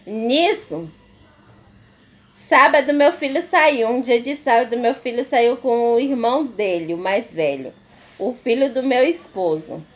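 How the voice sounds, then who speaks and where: A woman's voice: a little high, measured pace. A woman giving an emotional religious testimony as a missionary, in a fervent, repetitive storytelling manner.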